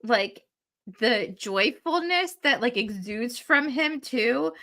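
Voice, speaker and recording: A woman's voice: a little high, animated, slow pace, bright, forceful tone. A woman co-hosting a podcast in casual chat, talking in a chatty, giggly way. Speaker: podcast co-host.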